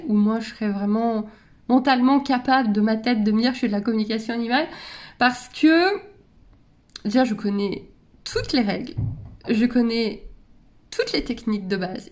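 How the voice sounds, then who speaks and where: A woman's voice: on the high side, darkish tone. A woman talking in a casual, rambling vlog style, often interrupting herself and laughing at her own tangents. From France. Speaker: vlogger on animal care.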